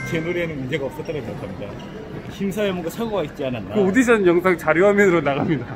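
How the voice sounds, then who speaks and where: A man's voice: fairly high pitch, expressive, racing. Man talking through a face mask. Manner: joking banter. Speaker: travel vlogger. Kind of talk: casual chat. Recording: loud music over the voice.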